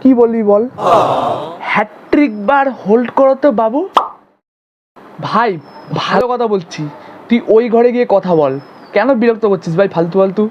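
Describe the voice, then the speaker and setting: A young woman plays every part in a comic sketch, switching fast from sweet phone talk to sibling squabbling. Her voice sits fairly high. The recording is dull and lo-fi, with a faint hiss underneath. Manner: switches quickly between characters, bickering and sweet-talking. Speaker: comedy sketch creator. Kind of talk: comic sketch acting several roles.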